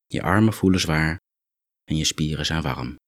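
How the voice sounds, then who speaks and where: A man guiding a muscle relaxation meditation, calm and instructive, gently coaxing the listener along. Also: a bass voice, moderate pace, no room sound, clean studio sound. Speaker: relaxation exercise guide.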